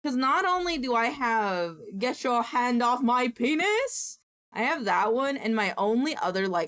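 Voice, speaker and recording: A woman livestreamer talking off the cuff to her chat at a middling pitch. She is playfully exasperated and swears casually, and her voice sounds somewhat worn from use. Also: fairly bright tone. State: voice nearly gone from strain. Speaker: streamer.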